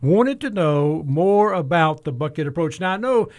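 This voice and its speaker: Male host checking he gets it, kinda high voice, asks lots of questions. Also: expressive, normal speed, darkish tone. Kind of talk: financial radio talk.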